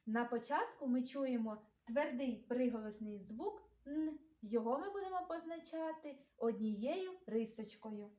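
A woman teaching a young children's literacy lesson, sounding out words slowly and clearly with a Ukrainian accent. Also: on the high side, animated, darkish tone, reverberant. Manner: slow, carefully enunciated, sounding out words. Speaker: preschool teacher.

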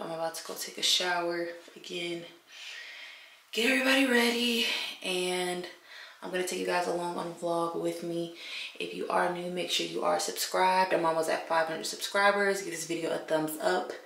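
A woman's voice: fairly low pitch, flat delivery, moderate pace, creaky, a bit bright, distant mic. A young woman chatting casually to her viewers in a vlog. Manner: chatty, talks straight to viewers. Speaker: vlogger.

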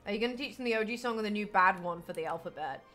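A woman's voice: mid-range voice, rapid-fire, a bit bright, soft background music. A woman streaming a block-building game, chatting casually and thinking aloud, now and then bursting into delighted squeals. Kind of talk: casual live-stream chat while building.

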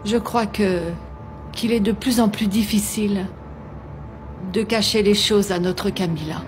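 A woman's voice: mid-range voice, fairly even intonation, unhurried, noisy background, lightly acted. A woman as an evasive mother superior. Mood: soothing. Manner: soothing, evasive. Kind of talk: French-dubbed telenovela.

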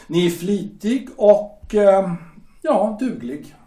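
In amateur audio drama acting, a man voices a polished male shipyard director whose cool, probing manner hides a threat, conveyed through slow, measured speech and hesitant pauses. His voice is fairly high and lively, recorded from a distance in an echoey room.

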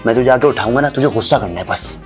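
A young man in a comedy sketch, pleading and excitable as a daily vlogger. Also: mid-range voice, fast, soft background music. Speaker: comic vlogger character.

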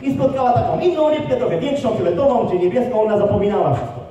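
A man giving a live motivational seminar, rallying his audience with quick questions and instructions. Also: high voice, animated, dark tone, highs cut off, a little hiss or hum. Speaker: motivational speaker. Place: large hall with an audience. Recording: echoey hall recorded from far off.

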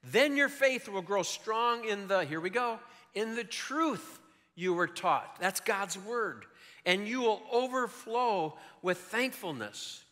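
An older man preaching a sermon in a church, telling stories in an animated way with joking asides. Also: high voice, slow. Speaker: pastor. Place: church sanctuary. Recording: long reverb of a large hall.

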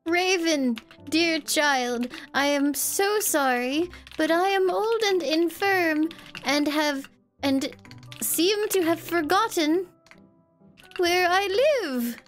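A woman voicing a frail, apologetic old woman in a video game, speaking slowly and haltingly with drawn-out words. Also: very high voice, faint music behind. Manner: slow, halting, drawn-out delivery. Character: frail, confused, pleading old woman, secretly a vampire. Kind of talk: in-character role-play in a video game.

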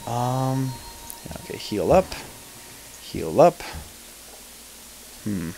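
A man's voice: medium pitch, big pitch swings, drawn-out words, creaky, warm tone, slight background noise, poor audio. Man mumbling through game commentary. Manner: casual, mumbling, thinking aloud with mild swearing. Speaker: let's play gamer. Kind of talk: gameplay commentary.

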